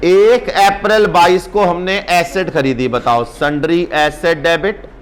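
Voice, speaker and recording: High-voiced brisk male accounts teacher. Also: fairly even intonation, a little hiss or hum. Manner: brisk, teasing, urges students on. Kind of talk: exam-prep class lecture.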